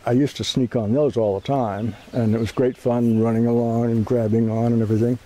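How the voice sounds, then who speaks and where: A man's voice: mid-range voice, flat delivery, fairly quick, warm tone. A man casually and amusedly recalling his childhood in a documentary interview.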